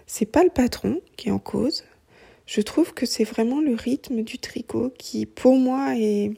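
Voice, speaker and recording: A woman in her thirties chatting casually about her knitting in a vlog, soft-spoken and often drifting into a whisper. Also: mid-range voice, gravelly, breathy edge. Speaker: knitting vlogger. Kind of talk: casual chat.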